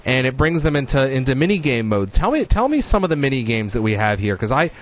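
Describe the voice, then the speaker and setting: A man's voice: medium pitch, very animated, fast, slight background noise. A man hosting a gaming show, chatting casually and putting questions to his guests. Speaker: host, interviewer.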